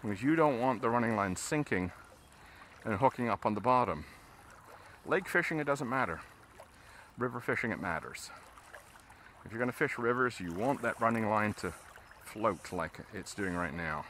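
Fishing from a boat on a river, a fly fishing instructor casually explains fly casting step by step while he casts, staying relaxed throughout. His voice is on the low side at a normal speed, and a faint hiss or hum can be heard.

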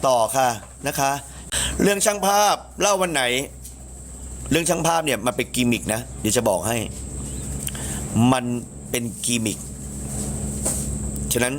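A man chatting casually on a live stream, crude and talkative, jumping to a higher voice when he quotes others. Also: sing-song, unhurried, pauses often, a little hiss or hum.

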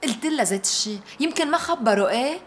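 An actress playing a calm, reassuring female friend with a Lebanese accent in a TV drama. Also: high-pitched, racing, a little hiss or hum. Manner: soothing, covering on the phone. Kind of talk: TV drama acting.

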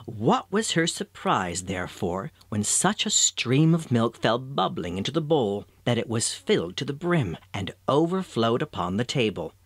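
A man narrating a classic storybook tale with an expressive, storytelling manner. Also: medium pitch, normal speed, hardly any pauses, breathy edge, dry recording.

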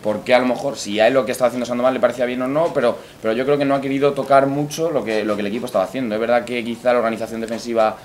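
Quick-talking man in a restaurant panel. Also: medium pitch, fairly even intonation, slight background noise. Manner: hesitant, thinking aloud with fillers. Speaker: football coach. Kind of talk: casual panel discussion. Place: restaurant dining room, indoors.

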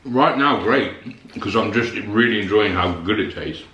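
A man's voice: fairly low pitch, expressive, normal speed, a bit bright, slight background noise. A man co-hosting a food challenge vlog, chatting in a wry, joking way. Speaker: host's partner and co-host. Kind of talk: casual chat on camera. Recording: echoey room, faint music.

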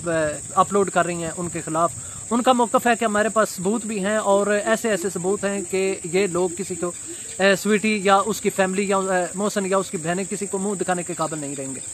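A man in his thirties giving a casual commentary vlog outdoors beside a brick wall, recorded on a phone camera, pausing often with fillers. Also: high voice, fairly bright tone, a little hiss or hum. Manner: hesitant, many filler pauses. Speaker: vlogger. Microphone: phone camera at arm's length.

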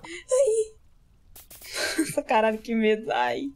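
A woman's voice: medium pitch, moderate pace, darkish tone. Jumpy, swearing woman gamer. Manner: jumpy, swears a lot, frequent startled yelps. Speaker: gamer streamer. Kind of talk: horror game let's play commentary.

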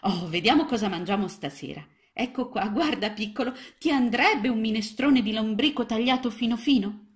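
A woman's voice: on the high side, lively intonation, normal speed, pitched above the performer's own voice, lightly acted. Woman putting on a doting mother frog. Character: motherly middle-aged female frog, fussy housewife.

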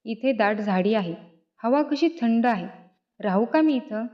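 A big lion speaks humbly and politely, asking for a home, as a woman narrator puts him on. The voice sits a little high for a lion, storybook style. The recording is dull and lo-fi. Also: lively intonation, measured pace, big-room sound.

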